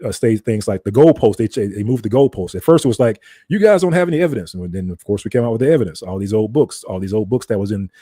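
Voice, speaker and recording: A man's voice: on the low side, quick pace, few pauses, dark tone, slightly rough, dry recording, studio quality. An American man giving an informal teaching talk in a conversational, explanatory way, repeating phrases for emphasis. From United States. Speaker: broadcaster.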